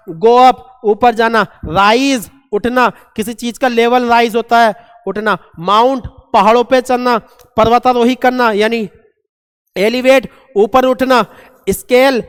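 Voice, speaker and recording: A man's voice: very high-pitched, smooth. A man teaching an exam-prep vocabulary lesson, repeating each word and quizzing his students, whom he calls "beta". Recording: long reverb in a hall.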